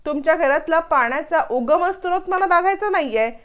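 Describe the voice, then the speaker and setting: A woman's voice: very high voice, lively intonation, normal speed, fairly bright tone, pitched above the performer's own voice. A woman voicing a fussy young man who grumbles about his bath and his breakfast. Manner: complaining, fussy. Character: fussy young man, a son-in-law particular about bathing.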